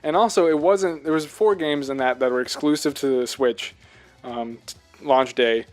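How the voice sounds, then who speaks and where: A podcast co-host joins a casual video game discussion, speaking earnestly and emphatically and often asking rhetorical questions. His voice is mid-range at a moderate pace, with soft music in the background.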